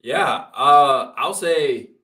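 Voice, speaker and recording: Born in Nigeria, this man lived there until twelve before moving to the United States, and here he chats as an interview guest, telling stories casually. His fairly high voice is expressive, very slow and sharp in tone. He speaks informally with slang, quoting himself and others.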